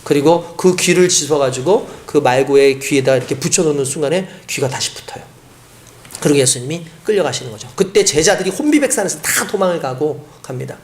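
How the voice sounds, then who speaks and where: A man's voice: a little high, a little fast, reverberant. A male pastor preaching a sermon, telling the story vividly and acting out the voices. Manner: animated storytelling with acted voices.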